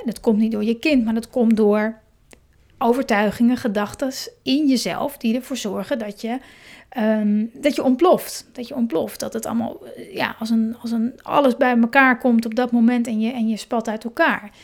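Calm, earnest higher-voiced woman. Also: moderate pace, gravelly. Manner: calm, earnest, often restarts words and acts out inner thoughts. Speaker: parenting coach. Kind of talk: reflective monologue.

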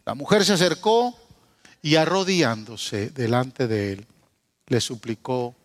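A man preaching a sermon, telling a story and then teaching, swinging from hushed asides to raised cries. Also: mid-range voice, big pitch swings, a little slow. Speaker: pastor. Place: church hall. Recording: preached in a hall with long reverb.

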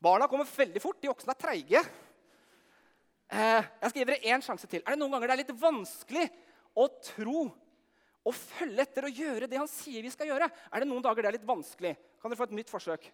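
High-voiced preacher in a hall. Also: male voice. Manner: energetic, asks the audience questions, shouts to lead cheering. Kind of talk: lively sermon with audience participation. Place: large hall with long reverb. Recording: reverberant hall sound.

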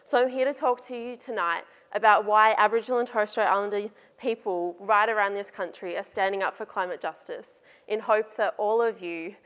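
A woman in her early twenties with an Australian accent, giving an earnest, measured public speech. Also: medium pitch, fairly bright tone. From north coast of New South Wales, Australia. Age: early 20s. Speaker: youth climate campaigner and speaker. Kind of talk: public speech to a live audience. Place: large room in front of an audience. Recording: hall reverb.

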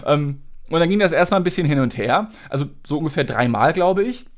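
A man's voice: fairly high pitch, lively intonation, brisk. Chatty, joking podcast host man. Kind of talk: casual podcast storytelling.

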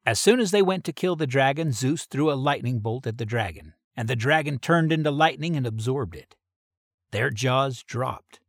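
A man's voice: mid-range voice, animated, moderate pace, no echo, clean studio sound. A man reading an adventure story aloud in a plain storybook manner.

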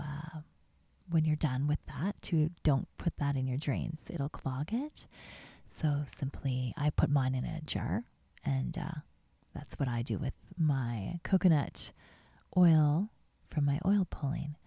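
A woman whispering casual beauty and hair tips in a gentle, chatty ASMR vlog, often trailing off mid-thought. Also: a bass voice, vocal fry, husky, no echo. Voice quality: soft whisper. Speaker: beauty vlogger.

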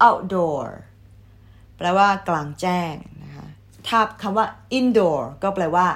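A woman teacher giving a vocabulary lesson, saying each English word twice, louder and slower, then explaining it politely. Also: on the low side, expressive. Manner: polite, ends phrases with soft particles.

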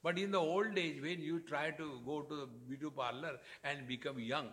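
A man's voice: a little high, steady tone, a bit bright. Indian-accented man giving an emphatic spiritual discourse. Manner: deliberate, emphatic short phrases with pauses. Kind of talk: spiritual discourse with Sanskrit verse.

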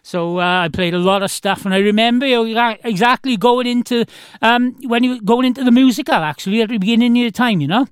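A man's voice: very high-pitched, fast, clean tone, no echo. A man from the South Wales Valleys with a local accent, hosting a casual interview in an effusive, matey, rambling way. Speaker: radio host, interviewer.

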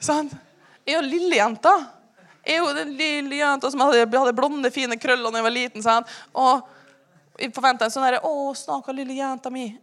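Young woman, church testimony, earnest storytelling, fairly high voice, hushed moments. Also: steady tone. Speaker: church member giving testimony. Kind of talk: personal testimony to a congregation.

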